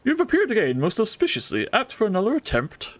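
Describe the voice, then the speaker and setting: A grandiloquent, eccentric inventor who savors every alliteration, voiced by a man with a raised, swooping pitch and a put-on accent that keeps drifting. He over-enunciates each word as if he were performing game dialogue on stage. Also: huge pitch swings, fast talker. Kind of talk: reading game dialogue aloud.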